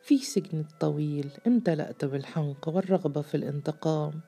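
A woman's voice: sits low, a little fast, creaky, mellow, breathy edge, soft background music, full character voice. A woman voicing a stern, mocking male jinn freed from a bottle, speaking with severe, scornful preaching. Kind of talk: storybook reading.

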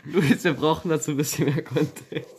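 A young man co-hosting a podcast, teasing his friend with quick questions in casual chat. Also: fairly high pitch, steady tone, a little mellow, breathy edge. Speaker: podcast co-host.

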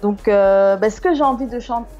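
A woman singer as a guest in a casual interview, easygoing and quick to agree. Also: mid-range voice, muffled recording, soft background music.

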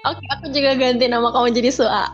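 A chatty, outgoing young woman co-hosts a podcast in a casual, talkative way. Her voice sits high. The recording sounds muffled and lo-fi, with faint music underneath. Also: fairly even intonation, quick pace. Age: young adult. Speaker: podcast co-host. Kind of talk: casual chat.

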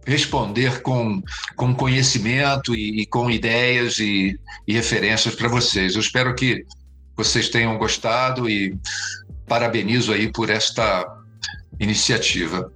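A man, a guest expert giving reflective interview answers, halting and restarting often. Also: mid-range voice, pushed and bright, faint music behind, poor audio. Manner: halting, many restarts and repeated words.

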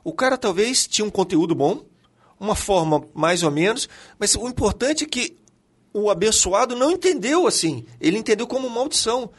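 Animated husky Brazilian man teaching. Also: high voice, normal speed. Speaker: teacher and co-host.

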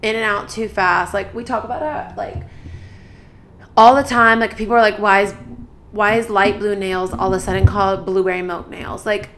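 A woman's voice: medium pitch, level tone, fairly quick, fairly bright tone. A young woman in her twenties co-hosting a podcast, chatting casually from a couch and saying "like" constantly. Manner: chatty, peppered with "like". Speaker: podcast co-host. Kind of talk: casual chat. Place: apartment couch.

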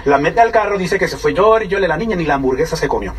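A man's voice: a little high, expressive, quick pace, breathy edge. A man with a Mexican accent telling a story to an audience in a conversational way and often asking them questions. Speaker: speaker giving a testimony. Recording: voice from far off the mic.

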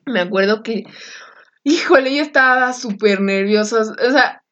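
A young woman with a Mexican Spanish accent tells a story in a casual chat, her voice sitting fairly high. She is lively and animated, often slipping into little squeals as she acts out her reactions. The sound is slightly dull and muffled. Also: unhurried. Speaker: co-host telling a story.

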